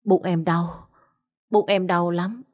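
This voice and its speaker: A woman voicing a frightened, grieving young pregnant wife who sobs and pleads in a high voice. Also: steady tone, slow, darkish tone. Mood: panicked.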